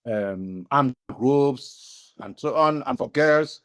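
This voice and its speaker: A man from Cameroon, a guest on an interview podcast, answering off the cuff in a halting way, searching for words and correcting himself. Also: mid-range voice, animated, fairly bright tone. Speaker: interview guest, cycling club founder.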